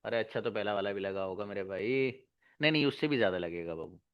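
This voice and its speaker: A man's voice: on the low side, quick pace, smooth, no room sound, muffled recording. A man teaching English grammar in an explanatory lesson, often repeating key terms and asking rhetorical questions, fondly calling his listeners "babu". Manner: addresses listeners affectionately as 'babu'.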